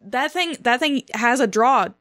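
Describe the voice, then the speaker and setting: A woman's voice: a little high, lively intonation, unhurried, fairly bright tone, no room sound. A woman co-hosting a podcast, casually reviewing a film with sardonic, exasperated questions. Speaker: podcast co-host.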